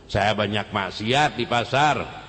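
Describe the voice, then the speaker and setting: A man's voice: on the low side, slow pace, a bit bright, in a large hall. A man voicing a tearful, repentant young male student who pleads with his teacher during a sermon. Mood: pleading.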